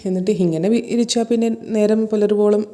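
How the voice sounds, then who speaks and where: Woman recap host, quick, even delivery, mellow dark tone, 'and then' storytelling. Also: medium pitch. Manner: rapid storytelling strung together with repeated 'and then'. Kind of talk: casual retelling of a TV serial episode.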